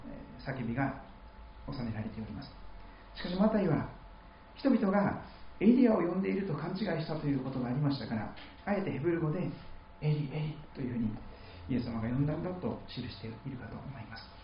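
A man's voice: a little high, lively intonation, fast, reverberant, muffled recording, slight background noise. A man preaching a sermon as pastor, reading scripture and acting out quoted speech with feeling. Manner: dramatic voicing of quoted speech. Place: church hall.

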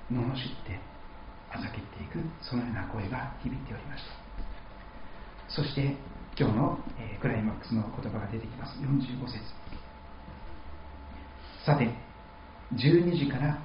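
A man's voice: medium pitch, echoey room, dull audio, slight background noise. A man preaching a sermon as pastor, reading scripture and acting out quoted speech with feeling. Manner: dramatic voicing of quoted speech. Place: church hall.

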